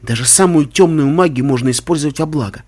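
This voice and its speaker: Husky man narrating an audiobook. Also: on the high side, fast, a little mellow. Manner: dramatic, first-person reading. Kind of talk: audiobook narration of a fan story.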